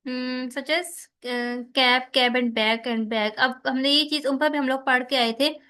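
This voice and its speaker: A woman's voice: on the high side, fairly bright tone. A young woman teaching a phonetics lesson online, explaining step by step, mixing English terms into her talk and correcting herself often. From Pakistan. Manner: explanatory, mixes English terms into Hindi, frequent fillers and self-corrections. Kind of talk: online lecture.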